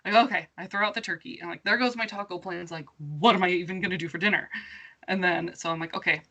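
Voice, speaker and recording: Bright, chatty woman podcast co-host. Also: fairly low pitch, fast talker. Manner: animated storytelling with frequent fillers and laughter. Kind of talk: casual chat.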